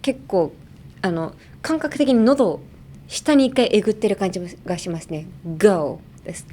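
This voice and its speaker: A woman's voice: medium pitch, animated, moderate pace, dark tone. A young woman hosting a casual bilingual pronunciation lesson, playfully demonstrating sounds with repeated syllables. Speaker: English pronunciation coach.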